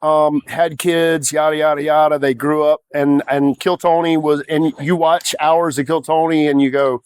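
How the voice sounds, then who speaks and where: A rambling, profane man in his forties from South Carolina chats as a podcast guest. His voice sits a touch high, and it comes across dry and close, with no room around it. He trails off and restarts often while poking fun at himself. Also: level tone, moderate pace, smooth, dry recording, rough recording. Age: 40s. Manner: rambling, self-deprecating, profane, many restarts. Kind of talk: casual storytelling chat.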